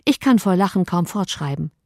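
A woman's voice: fairly low pitch, animated, fairly quick, a little mellow, no room sound, studio quality. A woman voicing a giddy, thoughtless teenage girl in a read-out letter, with a breathless, carefree manner, in an audiobook reading.

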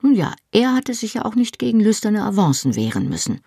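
Audiobook narrator, first-person novel, gravelly and husky, dry close sound. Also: female voice, mid-range voice, big pitch swings, dark tone, no echo. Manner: measured storytelling.

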